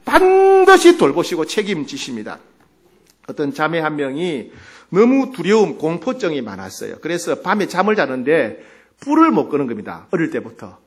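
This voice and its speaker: A male pastor delivering a sermon who moves between loud exclamations and quiet, earnest asides, acting out dialogue as he retells scripture. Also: on the high side, big pitch swings, moderate pace, husky.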